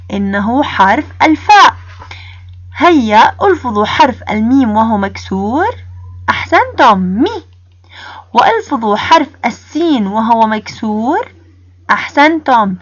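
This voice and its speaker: A woman teacher leading a first-grade reading lesson, sounding out letters slowly and praising the class, with a Jordanian Arabic accent. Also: on the high side, fairly bright tone, no echo, dull audio. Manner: slow, drawn-out sounding of letters with call-and-response praise.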